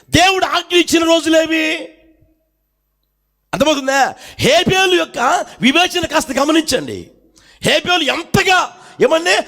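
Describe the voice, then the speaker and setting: Male preacher, very high pitch, emphatic congregation-led sermon delivery with shouted peaks. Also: creaky. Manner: emphatic, calls out questions to the congregation; swings between shouted emphasis and low asides. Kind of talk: Telugu church sermon.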